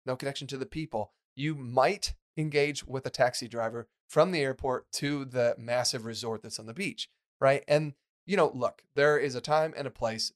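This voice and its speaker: A man co-hosting a podcast, chatting casually and rambling, with many fillers and restarts. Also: medium pitch. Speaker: podcast co-host.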